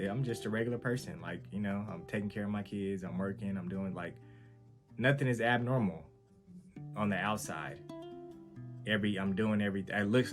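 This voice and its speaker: A man hosting his own show, candidly telling his personal story in an earnest, self-correcting way. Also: low voice. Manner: earnest, candid, repeats himself and restarts often. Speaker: host. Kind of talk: personal testimony vlog.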